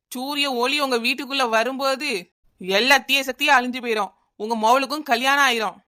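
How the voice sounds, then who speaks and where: A woman's voice: high-pitched, sharp tone. A woman voicing a glib fake swami. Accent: Kanyakumari Tamil. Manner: glib, rambling, mock-solemn. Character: scheming male fake astrologer swami, smug.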